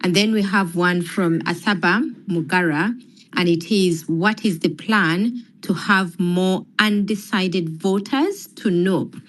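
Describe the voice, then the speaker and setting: A woman reading audience questions aloud from a chat, slow and deliberate with many ums. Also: fairly low pitch.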